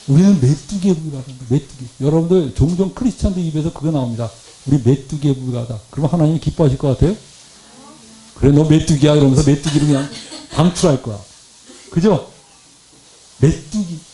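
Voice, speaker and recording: A man preaches a Sunday sermon in a church, with a voice that sits high. He tells stories, puts questions to the congregation and acts out quoted lines with wide swings in pitch. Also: a little fast. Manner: lively storytelling, asks the congregation questions. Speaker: lay preacher.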